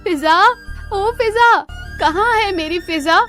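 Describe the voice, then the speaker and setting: A woman voicing a stubborn old grandmother who scolds sharply and grieves tearfully, in a lower, slower voice than her narration. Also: animated, faint music behind. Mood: distraught. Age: older. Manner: scolding, then weeping and pleading.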